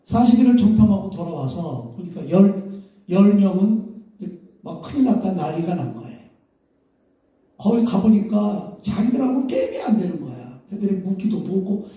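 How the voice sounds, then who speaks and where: A male pastor with a high, dark and mellow voice preaches in a loose, conversational way and slips into the voices of the people in his story. He is recorded from a distance, and a long, roomy echo of the church hall hangs on every word. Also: big pitch swings, moderate pace. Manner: casual storytelling, acting out quoted voices. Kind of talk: sermon. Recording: echoey hall, mic far off.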